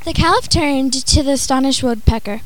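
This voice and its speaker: A woman's voice: high-pitched, moderate pace, a little hiss or hum, poor audio. A woman reading scripted storybook narration.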